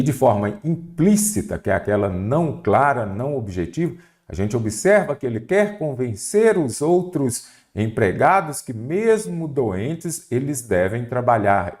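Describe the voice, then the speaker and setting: Lively Brazilian man teaching an exam lesson. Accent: Brazilian Portuguese. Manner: animated, lively pitch swings, rhetorical questions. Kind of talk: online exam prep lesson.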